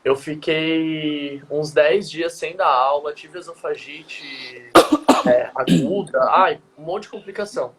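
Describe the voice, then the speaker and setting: A man's voice: fairly high pitch, slow pace, slight background noise. A young man, a dance teacher, telling a personal story in a casual live stream over a video call and acting out the dialogue. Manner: animated, quotes dialogue vividly.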